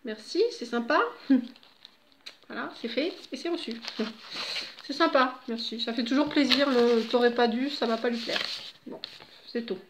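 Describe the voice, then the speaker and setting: A woman's voice: on the high side, unhurried, long pauses, noisy background. A middle-aged woman at home, chatting casually and rambling with laughs and fillers. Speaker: vlogger.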